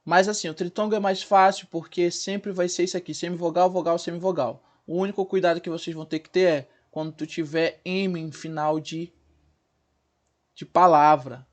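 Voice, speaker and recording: A male teacher, giving a recorded grammar lesson and sounding out words slowly, syllable by syllable, often checking in with his class. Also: high-pitched, steady tone. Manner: checks in with the class, asking "né?" and "certo, gente?".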